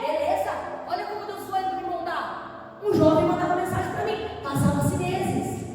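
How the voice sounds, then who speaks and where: High-voiced woman preaching in an echoing hall. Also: moderate pace. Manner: animated storytelling, acting out shouted quotes. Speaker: speaker at a women's church meeting. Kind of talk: church talk for married women. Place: church hall. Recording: distant mic in echoing hall, faint music.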